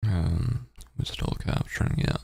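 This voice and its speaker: A man streaming a game, reading its story text aloud and adding halting, muttered casual commentary. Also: warm tone, no echo, studio quality. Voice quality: very deep, gravelly, husky.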